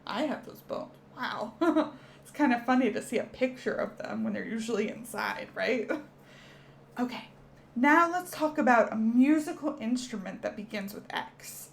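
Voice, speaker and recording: A woman's voice: on the high side, moderate pace, gravelly. A woman teaching a children's alphabet lesson, cheerful and encouraging as she speaks to young kids.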